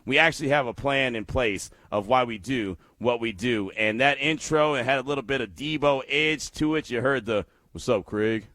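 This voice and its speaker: A man hosting a sports talk radio show, animated and laughing as he tells stories. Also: mid-range voice, normal speed, hardly any pauses, dry recording. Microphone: studio microphone.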